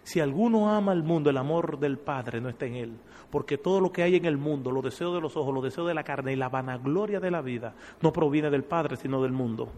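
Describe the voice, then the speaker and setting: A man preaching a sermon, impassioned, swelling loud and dropping low. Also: fairly quick, hardly any pauses, a little hiss or hum. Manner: impassioned, swells and drops in volume. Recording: long church hall reverb.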